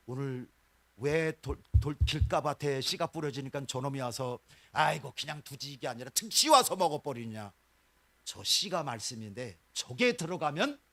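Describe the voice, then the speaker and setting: A man preaching a sermon in a church. He talks in loud, high bursts that drop to quiet, low lines. He also acts out the voices of believers and of God. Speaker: pastor.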